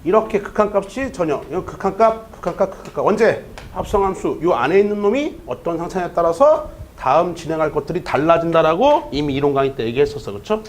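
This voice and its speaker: A math teacher gives an online lecture in a fairly high male voice. He talks problems through step by step and keeps checking in with the listener. His delivery stays lively and engaged. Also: quick pace, hardly any pauses.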